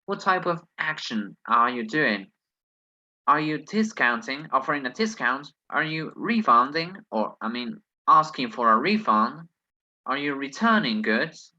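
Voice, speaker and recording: A man's voice: medium pitch, sing-song, measured pace, bright, forceful tone, dull audio. A man who is not a native English speaker teaches an online lesson, reasoning hesitantly through exercises with many fillers. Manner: hesitant, thinks aloud, many "well"s.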